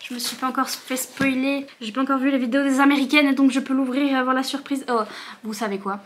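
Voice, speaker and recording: A young woman filming a casual book unboxing vlog at home, gushing with quick bursts of excitement and a bubbly, chatty manner. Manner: talks to her dog in a higher voice. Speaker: book vlogger.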